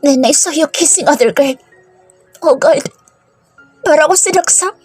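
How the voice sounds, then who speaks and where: A woman's voice: high-pitched, normal speed, soft background music, voice pushed up, lightly acted. A woman voicing a hurt, tearful young woman in a storybook romance reading.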